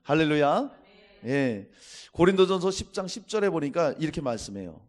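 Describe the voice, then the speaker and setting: A male pastor delivers a Sunday sermon with an animated voice that swoops up and down. He sits a bit above the usual male pitch and keeps pressing his points with emphatic calls to the congregation. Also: brisk.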